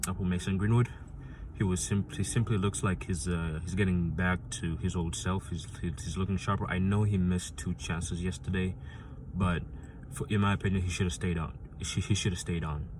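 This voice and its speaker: A man's voice: deep voice, fairly even intonation, normal speed, background noise. A man hosting a football fan vlog, rambling and insistent, repeating his points with many restarts. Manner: rambling, frequent restarts and fillers. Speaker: football fan channel host. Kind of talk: casual fan prediction vlog.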